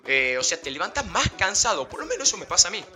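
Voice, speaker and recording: Animated young man telling a story. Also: sits high, quick pace, soft background music. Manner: slangy, animated, laughing, rambling with fillers. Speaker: vlogger. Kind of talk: casual storytelling anecdote.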